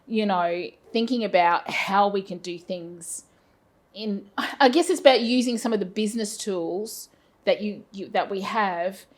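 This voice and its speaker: A woman's voice: medium pitch, unhurried. An Australian woman in her fifties, a business owner answering interview questions in a rambling, self-deprecating way with many fillers. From Brisbane, Australia. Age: 50s. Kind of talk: casual interview chat.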